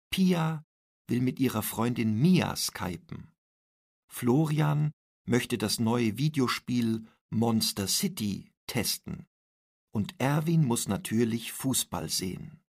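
A man narrating a short story slowly and deliberately for language learners. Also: mid-range voice, no room sound, clean studio sound. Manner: clear, deliberate reading. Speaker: reader.

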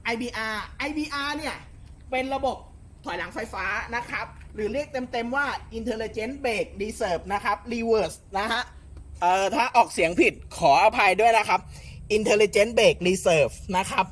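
A man showing jet skis for sale in a chatty, polite way, often pausing with fillers and correcting himself. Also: extremely high pitch, animated, fairly bright tone. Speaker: jet ski shop salesman. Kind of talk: casual sales walkthrough.

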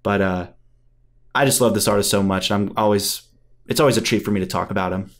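A man co-hosting a music podcast, talking with enthusiasm about an album he loves. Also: on the low side. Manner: enthusiastic, quick to laugh. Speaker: podcast co-host. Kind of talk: casual album review chat.

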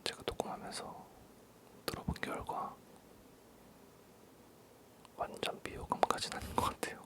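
A man whispering a rambling ASMR talk in a breathy, barely audible low voice, halting and softly repeating words. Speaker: ASMR creator.

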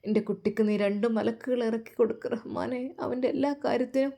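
A woman voicing a tearful middle-aged mother who prays softly and pleadingly for her son in a spoken story. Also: fairly high pitch, fairly even intonation, fast, vocal fry. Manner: soft, trembling pleading prayers.

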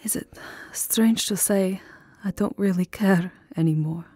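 In an intimate ASMR roleplay, a woman plays a tender, lovesick vampire countess, speaking softly and often slipping into a whisper with formal, wistful endearments. Her medium-pitched, husky voice is unhurried, wistful and regretful in mood, recorded dry on a close microphone with no echo. Music plays in the background.

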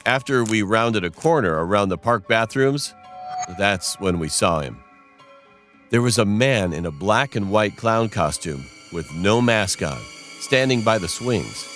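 A man's voice: lowish voice, expressive, unhurried, fairly bright tone, soft background music. Young man narrating a scary story. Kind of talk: scripted first-person story narration.

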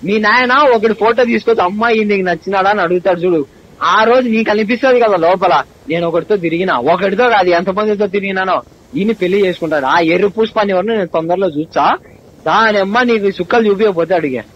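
A young man in a heated phone argument, angry and accusing, with an abusive, rapid-fire way of talking. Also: high voice. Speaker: college student on a phone call. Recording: phone call recording, dull with faint hiss.

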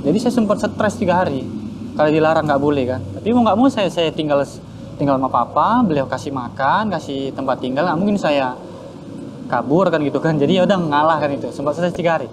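Picture a man with a lilt, slightly high in pitch, recounting his own story with lively repetitions. Steady noise sits under the recording. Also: fairly quick. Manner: animated, repeats words while recounting. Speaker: guest. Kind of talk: personal storytelling.

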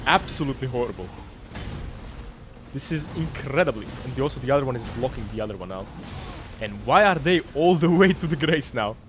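Here a young Croatian-accented game streamer with a mid-range voice reacts excitedly to his live gameplay indoors at home. Wearing a headset, he reads chat, curses at bosses, and laughs through the fights.

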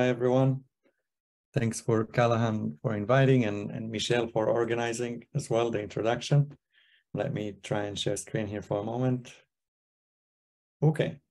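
This man in his thirties, from Israel and China, is a guest speaker and investor giving a webinar presentation over a video call's computer mic. His mid-range, darkish voice keeps a fairly even intonation at a normal speed. He sounds casual, thinking aloud and restarting often.

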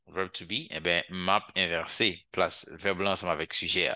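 Male English teacher, low bright voice, close dry sound, slow repeated drills. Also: fairly even intonation, no room sound. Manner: drills English phrases slowly, asks "ok?" often. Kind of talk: language lesson.

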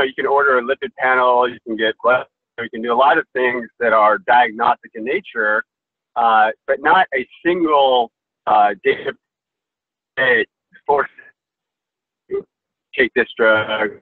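A man answers on a webinar panel over a video call that keeps breaking up. His tinny, narrow call audio sounds dry and close, with no room around it. He explains in a measured, steady way, full of "uh" and "if you will.". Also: medium pitch, dry recording. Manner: measured, filler-heavy explaining. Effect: heard over a video call that cuts out. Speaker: investor panelist.

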